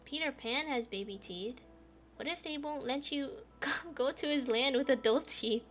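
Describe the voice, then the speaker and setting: A woman's voice: high voice, unhurried, soft background music, voice pushed up. A woman voicing a small, anxious little sister who pleads and insists in a raised, childlike voice. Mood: eager.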